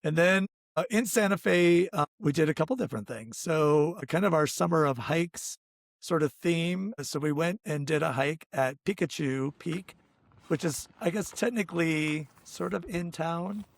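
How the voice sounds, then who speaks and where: Hoarse, gravelly man chatting on a vlog. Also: a little high, moderate pace, dry recording, clean studio sound. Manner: chatty, leads the conversation. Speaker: co-host of an RV travel vlog. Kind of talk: casual chat.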